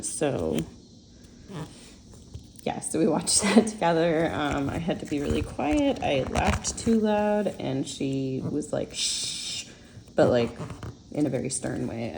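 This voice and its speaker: A young woman chatting casually as a planner vlogger, relaxed and full of fillers while she decorates her planner at home. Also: deep voice, vocal fry, noisy background. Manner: chatty, relaxed, many fillers and soft laughs.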